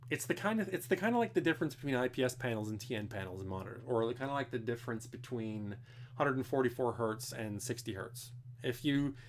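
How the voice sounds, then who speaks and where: A young man answers viewers' technical questions in a relaxed live Q&A from home, rambling and dropping the occasional swear word. His medium-pitched voice is expressive and quick, with a bit of hiss or hum.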